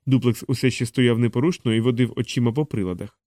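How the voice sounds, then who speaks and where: A man reads an audiobook in a measured, steady voice, close on a studio mic. His tone is dark and mellow. The recording is dry, with no room sound. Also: mid-range voice, no echo. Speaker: audiobook narrator. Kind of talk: scripted audiobook narration.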